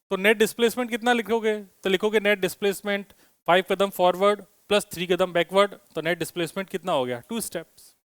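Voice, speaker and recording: High-voiced man teaching physics. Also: a bit bright, clear, resonant tone, dry recording, studio quality. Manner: asks students questions, teasing and joking. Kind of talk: classroom lecture with students. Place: classroom.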